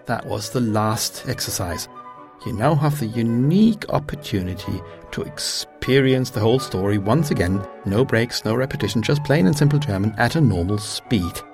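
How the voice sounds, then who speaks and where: A man hosting a language podcast, slowly drilling phrases and narrating a story in a deliberate, teacherly way. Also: fairly low pitch, animated, vocal fry, darkish tone, soft background music. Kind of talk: slow instructional narration.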